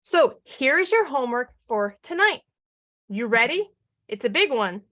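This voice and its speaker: A woman coaching a live online marketing training, energetic and upbeat, often firing questions at her audience. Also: high voice, unhurried.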